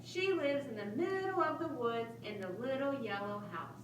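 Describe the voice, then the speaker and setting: A woman's voice: high-pitched, lively intonation, normal speed. Polite little girl acted by a woman for puppet show, heavy room echo, noisy background. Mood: polite, trusting. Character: polite, trusting little girl in fairy tale. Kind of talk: children's puppet show acting. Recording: echoey room, distant mic, clear background noise.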